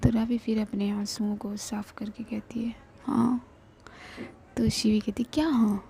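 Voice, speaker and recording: A young woman with a cold and flu, narrating a story in a soft, often half-whispered voice and mixing English into her Hindi. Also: medium pitch, flat delivery, normal speed, vocal fry, husky, low-quality recording. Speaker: storyteller and channel host.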